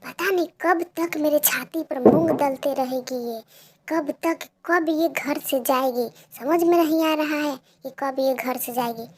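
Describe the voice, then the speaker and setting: A woman voicing a cruel stepmother who scolds and yells in a cartoon story. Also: high voice, fairly even intonation, moderate pace, a little hiss or hum, pitched above the performer's own voice, lightly acted. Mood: angry shouting. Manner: yelling, scolding.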